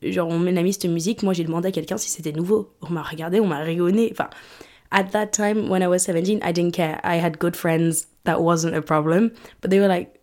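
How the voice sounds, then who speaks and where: A woman's voice: lowish voice, steady tone, brisk, darkish tone. A woman in her twenties from England, talking candidly in a personal monologue and switching between French and English mid-sentence. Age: 20s. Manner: candid, conversational. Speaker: vlogger.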